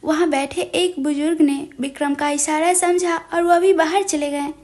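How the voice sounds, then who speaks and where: A woman reading a romance story aloud in a steady, plain storytelling manner. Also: high voice, moderate pace. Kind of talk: scripted story narration.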